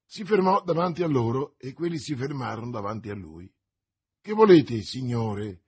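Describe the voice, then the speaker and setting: A man reading a novel aloud as an audiobook narrator, in a measured, expressive way. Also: mid-range voice, slightly rough. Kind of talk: scripted narration.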